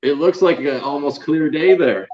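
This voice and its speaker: A livestream host chats casually with guests over an internet video call, encouraging and informal, calling people "dude." His voice is fairly high-pitched with a darkish tone at a normal speed, and the recording sounds muffled.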